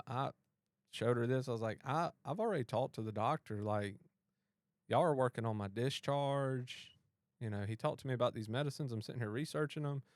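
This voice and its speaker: A man's voice: mid-range voice, no echo, clean studio sound. A man, hosting a podcast and telling a personal story, acting out the voices of the people in it. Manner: animated retelling, acts out both sides of a dialogue. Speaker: podcast host and police officer. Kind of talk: storytelling in a casual conversation.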